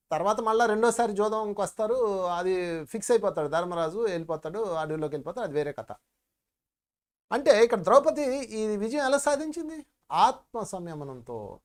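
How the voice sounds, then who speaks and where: A man teaching meditation in a spiritual discourse, telling stories with lively emphasis and addressing listeners as friends. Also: high-pitched, normal speed, long pauses.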